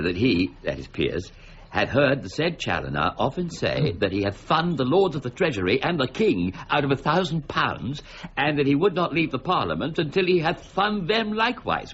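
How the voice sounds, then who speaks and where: An actor playing Isaac Newton as a proud, stern, middle-aged official in a period radio drama, speaking with emphatic, deliberate authority. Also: male voice, mid-range voice, highs cut off, slight background noise.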